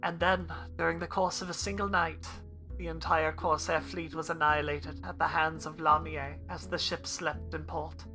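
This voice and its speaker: A woman voicing a proud, brooding male pirate admiral in a game, low, quiet and solemn. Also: little pitch movement, moderate pace, soft background music.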